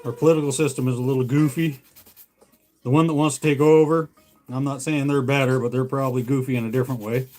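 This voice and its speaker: Talking fast in a steady, mid-range voice with a darkish tone, this Canadian-accented livestream host chats with his live audience while faint music plays behind. He's a hobbyist lure maker who rambles in a relaxed, folksy style.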